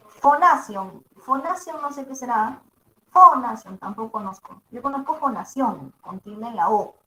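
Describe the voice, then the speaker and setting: A woman's voice: fairly high pitch, animated, measured pace, pushed and bright. A woman teacher with a mezzo-soprano voice gives a classroom lecture, checking in with her students after each point. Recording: echoey room.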